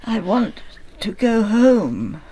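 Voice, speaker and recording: A woman's voice: mid-range voice, very animated, drawn-out words, warm tone, slight background noise, poor audio. An actress playing a frail, tired elderly mother in a hospital bed, speaking weakly in a radio drama. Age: older. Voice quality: weak, tired.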